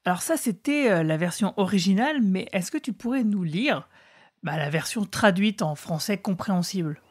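A podcast host talking casually about a TV series, relaxed and chatty. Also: medium pitch, moderate pace, breathy edge.

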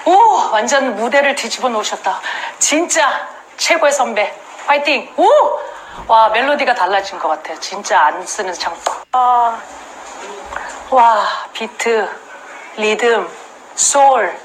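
A woman with a fairly high voice gushes mock-reverent praise in unhurried exclamations. Noise is clearly audible behind her. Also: expressive, poor audio. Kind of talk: exclamatory reaction commentary.

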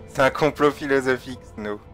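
A man's voice: mid-range voice, brisk, fairly bright tone, faint music behind. A man giving casual let's-play commentary, chatting with viewers and trailing off mid-sentence. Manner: chatty, talks to viewers and chat, laughs, trails off. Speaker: gamer.

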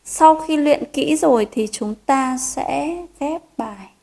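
A woman teaching a children's piano lesson, gentle and encouraging, counting beats and singing note names. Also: high-pitched, takes it slowly, vocal fry.

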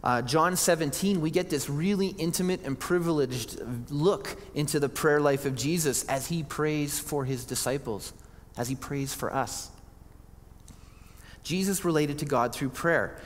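Mężczyzna, pastor głoszący kazanie w pogłosie kościoła. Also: male voice, on the high side, unhurried. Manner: earnest, conversational preaching with restarts. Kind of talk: sermon. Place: church sanctuary. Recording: church hall reverb.

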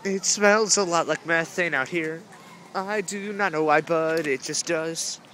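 Amid crowd chatter and outdoor noise, a young man vlogs his stroll through a zoo light show at night, offering rambling, amused commentary on a handheld camera. His bright, forceful voice is on the high side, and he speaks a little slowly. The audio is noisy and crowded.

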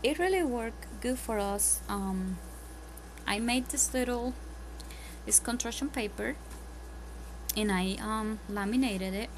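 Seated at a table in her home, a homeschooling mom from a Spanish-speaking country shares casual tips on a vlog. A native Spanish speaker with a Spanish accent, she talks earnestly in a higher voice, slowly and with frequent pauses, ums, and restarts. The rough recording carries audible background noise.

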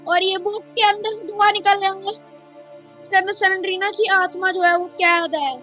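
A gamer with a very high, piercingly bright voice and a slightly hoarse edge gives breathless commentary over a horror game. The talk jumps between exclamations and quick running remarks, while faint game music plays in the background. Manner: excitable, yelps and exclaims at scares. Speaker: gaming YouTuber. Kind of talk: excited Hindi gameplay commentary.

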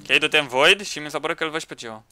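A man commenting on a Minecraft match with friends, excitable, shouting at teammates and laughing. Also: a little high, clean tone, dry recording. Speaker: gaming YouTuber.

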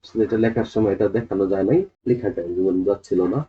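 Male tutor, brisk repetitive explainer, lowish voice, lo-fi sound. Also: fairly even intonation. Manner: drawn-out repetitive explaining, addressing students directly. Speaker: teacher. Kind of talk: classroom lesson explaining spelling. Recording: tinny phone-like audio.

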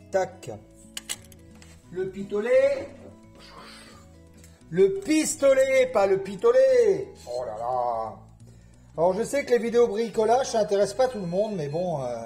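A man's voice: high voice, darkish tone. A man filming a casual home DIY vlog, talking to viewers in a playful, jokey way, with a put-on southern French accent. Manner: playful, jokey, talks to viewers, hums and sings bits. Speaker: DIY vlogger.

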